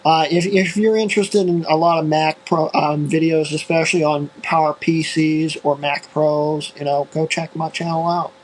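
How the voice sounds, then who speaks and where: A man's voice: on the high side, little pitch movement, normal speed, hardly any pauses, low-quality recording. A man co-hosting a casual podcast over a video call, offhand and a little self-deprecating. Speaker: podcast co-host. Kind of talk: casual chat.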